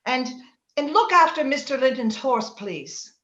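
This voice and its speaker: A woman plays Kathy, the passionate, willful young woman of the moors, in an old-time radio melodrama, her high voice impetuous, theatrical, and headstrong. She sounds haughty, with a sing-song, exaggerated, slightly bright delivery at a measured pace. It was recorded indoors over a remote video call, so the sound is roomy, a little dull, and faintly noisy.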